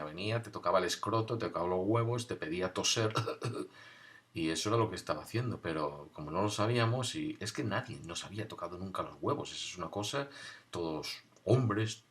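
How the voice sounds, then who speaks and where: A man recalling his school days in an unhurried, wry storytelling manner with dry humor. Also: lowish voice, a bit bright. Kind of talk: casual spoken recollection.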